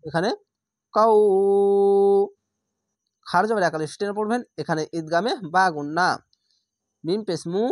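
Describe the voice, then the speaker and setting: A woman with a somewhat low voice teaches recitation, breaking every word into letters and vowel marks before joining them back up at a slow, patient pace. The recording is close and dry, with no room sound. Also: no echo. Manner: spells each letter and vowel, then blends the word slowly. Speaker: Quran reading teacher. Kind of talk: slow spelled-out recitation lesson.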